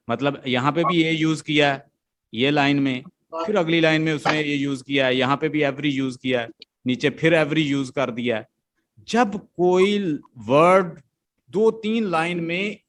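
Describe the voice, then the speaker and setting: A man's voice: a little high, slight background noise. A male literature teacher lecturing a class, explaining step by step, chanting stress beats aloud and often checking that the students follow.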